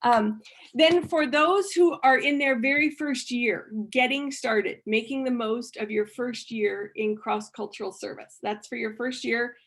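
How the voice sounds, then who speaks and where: A woman's voice: a little high, a little slow, a bit bright. A woman giving a workshop presentation, earnest and thinking aloud, with frequent restarts and repeated words. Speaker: conference speaker.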